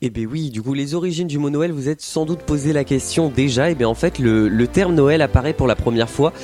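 A man's voice: fairly high pitch, fairly quick, a little mellow, soft background music. A man co-hosting a radio show who reads from notes, often stumbles, corrects himself and apologizes. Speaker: radio co-host. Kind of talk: casual radio chat, reading notes.

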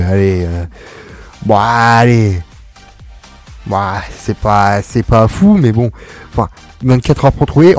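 Guy hosting radio, warm low-key voice, lots of uh and restarts, jokey, a bit of music playing under. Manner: halting, full of fillers and restarts; joking, self-mocking. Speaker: radio host. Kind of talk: casual radio chat.

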